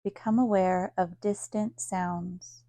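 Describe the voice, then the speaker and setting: Leading a guided relaxation as a yoga nidra teacher, a woman speaks with a mellow, soft-edged, medium-pitched voice and clear vocal fry. Her calm, soothing delivery leaves long pauses between short instructions, and the sound is close and dry with no echo.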